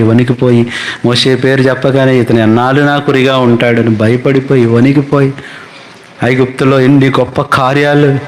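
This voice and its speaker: A man preaching a sermon as pastor, animated, with big swings between high and low.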